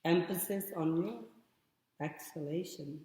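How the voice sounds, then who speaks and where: A man guiding a yoga class with calm, short spoken cues and pauses between them. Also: on the high side. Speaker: yoga instructor. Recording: very echoey room with long reverb.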